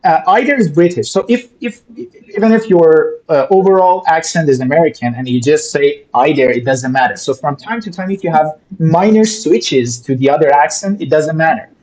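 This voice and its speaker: Fairly high-voiced young man. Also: expressive, normal speed, a little mellow, low-quality recording. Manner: hesitant, lots of "you know" and fillers. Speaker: exam-prep instructor. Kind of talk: webinar explanation.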